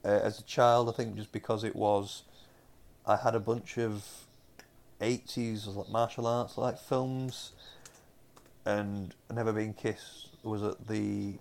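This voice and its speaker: A man's voice: fairly low pitch, level tone, takes it slowly, vocal fry, a little mellow, slight background noise. A young man with a Northern English accent chatting casually about TV episodes, rambling with lots of ums and restarts. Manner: rambling, many fillers and restarts. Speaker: podcast co-host. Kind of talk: casual chat reviewing TV episodes.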